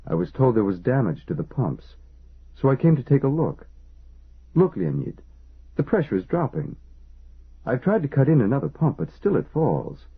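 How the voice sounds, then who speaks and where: A man voicing a shy, deferential young male pipe fitter who speaks softly and eagerly. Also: mid-range voice, huge pitch swings, normal speed, long pauses, husky, voice pushed up, heavily acted. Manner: soft, eager. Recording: tinny phone-like band.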